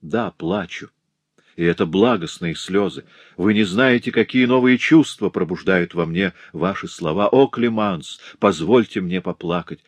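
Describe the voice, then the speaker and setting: Man reading an impassioned nobleman, deep low voice, dry close audiobook sound. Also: animated, unhurried, husky, no room sound, exaggerated voice. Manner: emotional and impassioned. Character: passionate tearful aristocratic husband.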